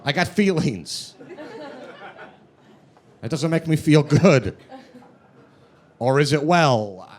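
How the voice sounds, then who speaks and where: Animated man with a thick Chicago accent. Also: a little high, slow pace, pauses often. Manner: brash, streetwise, profane. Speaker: stand-up comedian. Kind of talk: stand-up comedy. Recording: noisy live comedy room.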